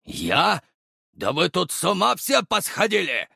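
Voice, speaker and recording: A flustered male lieutenant who blusters and protests, as a man voices him in an audiobook. The voice is pushed higher than the narrator's own and sounds close and dry. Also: expressive, moderate pace, gravelly, a bit bright, no echo. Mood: indignant. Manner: blustering, indignant. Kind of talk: audiobook character voice.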